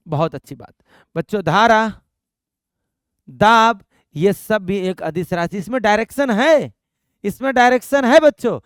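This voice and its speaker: A young man teaching a physics lecture to students, animated, repeating points and asking and answering his own questions. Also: high voice, clean tone, dry recording, studio quality. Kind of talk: classroom lecture.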